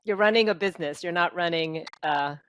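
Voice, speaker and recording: Low-voiced woman hosting an interview. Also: fairly quick, fairly bright tone, no echo. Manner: supportive listener with frequent backchannels and laughs. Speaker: podcast host. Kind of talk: casual interview.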